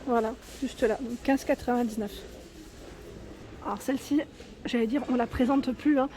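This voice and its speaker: A woman with a high, bright-toned voice films a casual shopping vlog as she walks through a large store. She talks straight to her viewers in a chatty, friendly way and keeps tagging "hein" onto her sentences. The sound comes from a handheld phone. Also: fairly even intonation, normal speed, slight background noise. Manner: chatty, adds "hein" often, addresses viewers directly. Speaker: vlogger showing store products. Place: inside a large furniture store, filming while walking.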